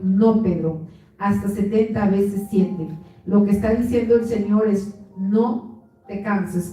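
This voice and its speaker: A woman's voice: mid-range voice, mellow. A woman pastor giving an earnest sermon. She often restarts words and acts out the voices she quotes. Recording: echoey church room, mic at a distance, faint music.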